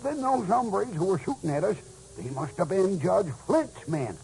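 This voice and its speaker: An actor playing a good-natured, folksy cowboy sidekick in a western drama, exclamatory and American-accented. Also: male voice, high-pitched, sing-song, moderate pace, gravelly, darkish tone, heavily acted. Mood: surprised. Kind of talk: old western radio drama acting. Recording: noisy old radio recording.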